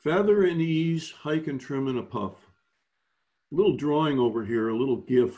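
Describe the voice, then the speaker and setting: A man of ordinary pitch explains things patiently over a video call, backing up and restarting his sentences as he goes. He sounds like a coach walking newer learners through a lesson. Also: moderate pace, darkish tone, muffled recording. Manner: explanatory, restarts phrases often. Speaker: sailing clinic instructor. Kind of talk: virtual clinic teaching.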